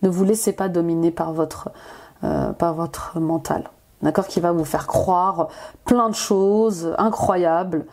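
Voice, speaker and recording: A woman's voice: on the low side, steady tone, slow pace, a little mellow. A woman giving an earnest, casual tarot reading straight to her viewers, with many fillers and restarts. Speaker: intuitive life coach, tarot reader.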